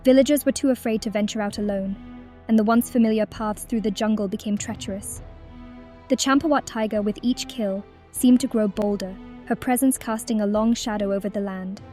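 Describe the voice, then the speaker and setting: A woman with a medium-pitched voice narrates from a script in a nature documentary manner. Her delivery is dramatic storytelling, with faint music underneath. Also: fairly even intonation, fairly quick, warm tone.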